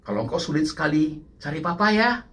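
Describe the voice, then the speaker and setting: A preacher playing a doting dad. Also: male voice, a little high, fast talker, a bit bright, voice pushed up. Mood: warm. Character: doting father talking to his child.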